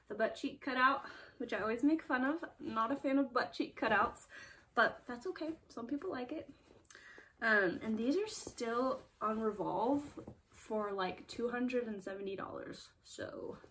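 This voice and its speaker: A woman's voice: a little high, fairly bright tone, recorded from a distance, slight background noise. A young woman chatting casually through a thrift haul video, enthusiastic and full of fillers. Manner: chatty, filler-heavy, enthusiastic about finds. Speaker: thrift reseller vlogger.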